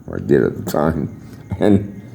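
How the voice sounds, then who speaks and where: A man's voice: a bass voice, unhurried, vocal fry, a little hiss or hum. Salty older man telling a story. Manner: salty, swears freely, chuckles, lively storyteller. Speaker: retired air traffic controller. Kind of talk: casual storytelling to camera.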